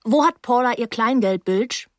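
A woman voicing a calm, sensible young man in a storybook reading, speaking firmly. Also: fairly high pitch, moderate pace, no room sound, clean studio sound, voice pushed up, natural voice. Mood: practical.

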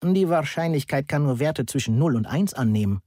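A man reading a slow, lecturing math teacher. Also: a little high, expressive, dark tone, no room sound, clean studio sound. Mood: correcting. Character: calm, pedantic male math teacher. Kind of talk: audiobook character reading.

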